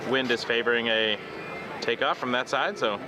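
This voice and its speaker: A man's voice: medium pitch, normal speed. A man chatting casually as a spectator outdoors at an airshow. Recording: very loud outdoor aircraft noise. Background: loud aircraft noise.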